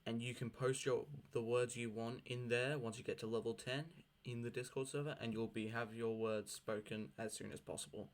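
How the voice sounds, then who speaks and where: A man hosts a scripted pronunciation tutorial in a mid-range voice. He speaks in a slow, deliberate way, enunciating like a spoken dictionary entry. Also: mid-range voice, steady tone. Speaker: host of a pronunciation tutorial channel.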